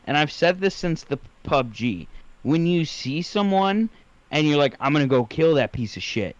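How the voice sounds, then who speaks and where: A man's voice: on the high side, lively intonation, normal speed, no echo. A man co-hosting a casual gaming podcast over an online call that keeps lagging and breaking up. He talks in a rambling, hesitant way, with blunt swearing. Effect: choppy lagging online call, voice breaking up. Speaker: podcast co-host. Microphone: computer mic over an online call. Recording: muffled lo-fi remote call audio.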